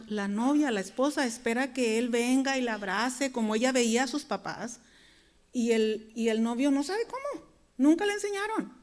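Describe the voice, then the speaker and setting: A woman's voice: sits high, a little mellow. A woman preaching a sermon, talking to her congregation in an earnest, conversational way. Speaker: preacher and worship leader.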